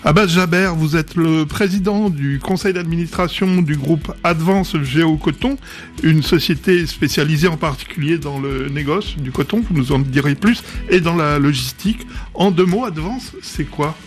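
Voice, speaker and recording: Male radio interviewer, fairly high voice, faint music under him, brisk questions. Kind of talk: broadcast interview.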